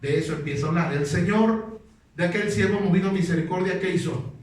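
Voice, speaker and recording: A male pastor giving a sermon. He reads scripture slowly and with emphasis, and he asks the congregation questions and waits for their replies. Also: high voice. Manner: slow, emphatic reading of scripture. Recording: very echoey hall, distant mic, faint noise.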